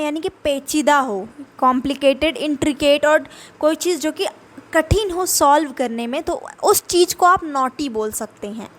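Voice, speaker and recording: A young woman with a high voice and an Indian English accent runs a vocabulary lesson. She reads each example sentence slowly, then explains it quickly in Hindi.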